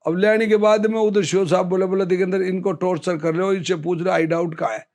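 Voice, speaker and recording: A middle-aged Indian army veteran telling a war story as an interview guest, acting out the quoted dialogue. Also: male voice, high-pitched, steady tone, a little fast, a little mellow. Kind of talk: storytelling in casual conversation.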